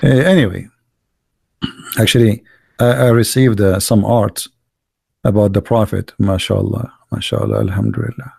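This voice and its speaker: A middle-aged man runs a live podcast debating religion, sneering sarcastically in broken, heavily accented English. His lowish voice is steady, husky, creaky and darkish, moving at a moderate pace with frequent pauses.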